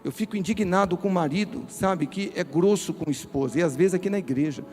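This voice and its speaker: Brazilian male pastor, mellow tone, forceful direct preaching to the congregation. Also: high voice, brisk, slight background noise. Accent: Brazilian Portuguese. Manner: emphatic, direct, addresses listeners. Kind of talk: sermon. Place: church.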